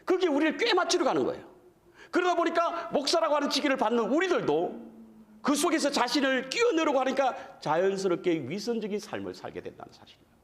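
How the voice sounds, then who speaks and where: Animated high-voiced male preacher. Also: fast. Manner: animated, addresses the congregation with frequent questions; conversational, self-deprecating asides. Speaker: guest revival preacher. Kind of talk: sermon.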